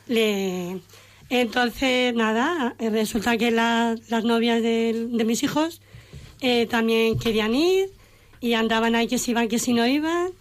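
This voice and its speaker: A woman's voice: on the high side, measured pace. Chatty middle-aged woman. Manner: warm storytelling, emotional, quotes family in dialogue. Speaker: radio guest. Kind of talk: casual radio chat.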